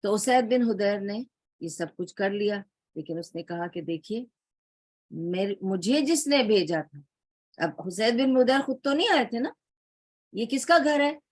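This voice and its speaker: A woman lecturer giving a storytelling religious lesson, explaining calmly and mixing English words into her speech. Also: on the high side, no echo. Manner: calm, explanatory tone, addressing the listeners directly. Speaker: Islamic studies lecturer.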